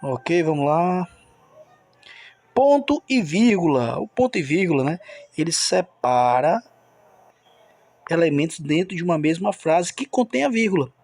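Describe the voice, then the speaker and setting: High, gravelly-voiced man teaching grammar. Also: lively intonation, a little slow, long pauses, a little mellow, dry recording. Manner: explains step by step, often checks in with the listener. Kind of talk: recorded grammar lesson.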